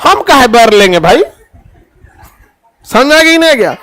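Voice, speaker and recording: A middle-aged man lectures a chemistry class. His voice sits very high, and he keeps slipping into joking little scenes between the formulas. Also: very animated, moderate pace, fairly bright tone. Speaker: chemistry teacher.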